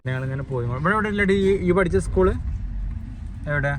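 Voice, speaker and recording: Young male vlogger, Malappuram accent, chatty and teasing, slightly higher voice, recorded in a noisy moving car. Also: animated, brisk. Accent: Malappuram Malayalam. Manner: chatty, teasing, keeps prodding with questions. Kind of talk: casual chat. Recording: loud car road noise.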